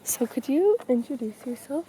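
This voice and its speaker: Woman interviewer, higher, mellow voice. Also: expressive, moderate pace. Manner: brief, prompting questions. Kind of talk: interview questions. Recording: distant mic with faint background noise.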